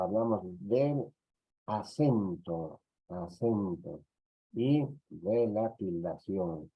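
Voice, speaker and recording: A Peruvian man teaching an online class, talking slowly and checking in with short tag questions. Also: fairly low pitch. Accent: Peruvian Spanish. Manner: slow, repetitive, tag questions. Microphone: computer mic on a video call. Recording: dull lo-fi audio.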